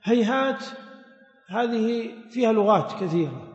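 High-voiced man teaching in an echoey hall. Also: lively intonation, normal speed. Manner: explains step by step, quizzes listeners with short questions. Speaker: religious teacher. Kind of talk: Quran exegesis lesson. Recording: echoey hall, dull lo-fi sound.

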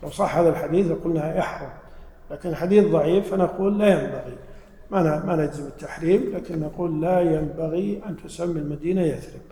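A man's voice: on the high side, fast talker, warm tone. A man giving an explanatory religious lesson. He asks his listeners questions and then answers them himself. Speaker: religious teacher. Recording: roomy hall with long reverb.

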